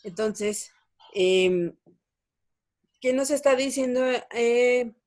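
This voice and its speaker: A woman's voice: a little high, drawn-out words, darkish tone. Patient woman teaching a language lesson. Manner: patient, explains step by step, checks understanding. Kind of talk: online lesson.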